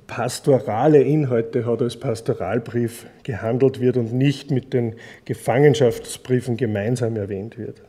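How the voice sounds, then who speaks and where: Mellow-voiced preacher, chatty. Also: male voice, mid-range voice. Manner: chatty storytelling with rhetorical questions to the listeners. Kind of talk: conversational Bible teaching sermon.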